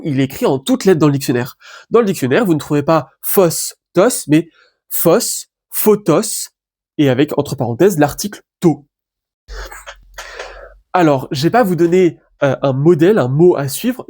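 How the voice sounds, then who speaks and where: A man giving a casual online lesson on biblical Greek grammar. He talks in a relaxed, chatty way, with many fillers and restarts, and slows down to spell out word endings. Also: a little high.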